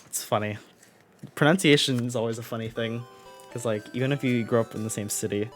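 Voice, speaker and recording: A man's voice: mid-range voice, fairly quick, soft background music. A man chatting casually on a live stream, playful and laughing often as he toys with how words sound. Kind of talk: casual live-stream chat while opening cards.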